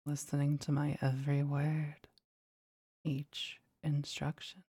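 A woman speaking in a soft, teasing and commanding whisper for an intimate ASMR roleplay. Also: low-pitched, completely flat delivery, slow pace, breathy edge, dry recording, studio quality.

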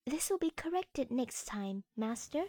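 A woman's voice: on the high side, expressive, unhurried, dark tone, a little hiss or hum. A woman voicing a compliant female android, with precise, programmed-sounding delivery. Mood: smooth, compliant.

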